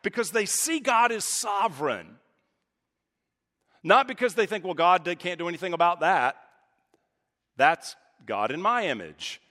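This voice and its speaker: A man from Texas preaching a sermon as pastor, talking with emphatic swings from loud, high points to quiet, low asides. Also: expressive, measured pace, long pauses. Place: church sanctuary. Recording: reverberant church hall.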